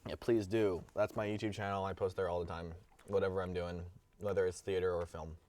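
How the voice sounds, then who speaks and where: Low-voiced chatty young man. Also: level tone, a little fast, darkish tone, recorded from a distance. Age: young adult. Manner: chatty, laughing, rambling with restarts. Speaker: guest. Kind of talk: casual interview.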